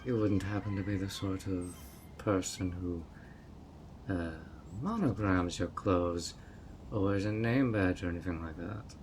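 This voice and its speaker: A man's low-pitched, slightly mellow voice, a little slow, brings to life a male fairy hosting a tea party in an audio roleplay. The fairy is sweet but obsessive, coaxing a guest in a honeyed, playfully sly and sweetly scheming way, with slight background noise.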